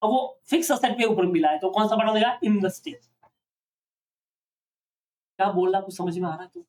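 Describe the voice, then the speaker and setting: A man's voice: high voice, fairly quick, a little mellow. Distant male teacher quizzing a class. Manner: asks students frequent check questions. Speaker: accounting teacher. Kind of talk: classroom lecture.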